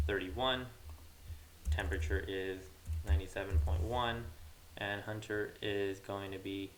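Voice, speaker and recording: A young man with a fairly low, slightly bright voice hosts a casual programming tutorial, thinking aloud informally as he works. The low-quality recording comes from a hissy mic, with computer keyboard typing clattering in the background.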